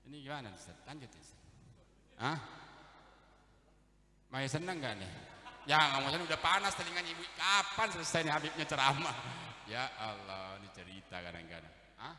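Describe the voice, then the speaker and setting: A man's voice: medium pitch, big pitch swings, a little fast, long pauses, pushed and bright. A man giving a humorous sermon, teasing and quizzing the audience. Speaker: preacher. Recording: echoey hall.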